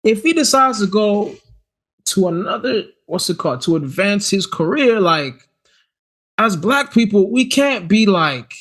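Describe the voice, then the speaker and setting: This male podcast co-host has a high voice and a measured pace. His casual conversation is animated, full of stammers and restarted sentences.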